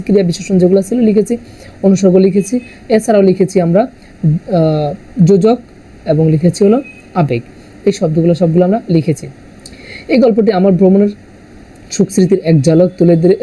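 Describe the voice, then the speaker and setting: A man from Bangladesh explaining exam answers as a teacher, halting often with "ah" fillers and correcting himself mid-word. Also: sits high, warm tone, husky, poor audio. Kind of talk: exam answer walkthrough lesson.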